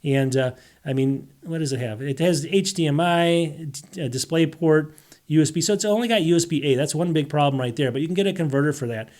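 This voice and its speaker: Male tech-deals host, rapid and rambling, slightly raised pitch, voice wearing thin. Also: darkish tone. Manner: rambling, self-interrupting, asks rhetorical questions. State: losing his voice. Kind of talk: casual tech deals walkthrough.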